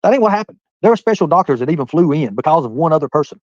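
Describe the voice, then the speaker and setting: A man's voice: on the high side, animated, racing, darkish tone, dry recording, highs cut off. A man in his forties chatting on a live stream, rambling and talking straight to his viewers by name. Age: 40s. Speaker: livestreamer reading chat. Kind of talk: casual live-stream chat.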